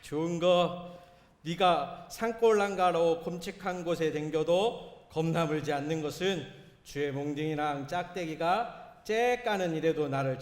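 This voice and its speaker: A man voicing a folksy, exuberant Jeolla dialect speaker who praises God with hearty, drawn-out exclamations. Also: on the high side, voice pushed up, natural voice. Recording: echoey church hall.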